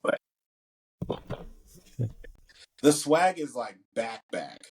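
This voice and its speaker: A young man with a mid-pitched voice co-hosts a sports podcast in laid-back chat. He talks in slangy bursts, leaning on "like" and "bro". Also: very animated, drawn-out words, a little mellow. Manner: loose, slangy, lots of fillers. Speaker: podcast co-host.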